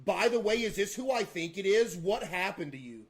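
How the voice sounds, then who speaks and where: A man's voice: high voice, animated, normal speed. A man streaming casual live reaction commentary, exclamatory and incredulous in manner.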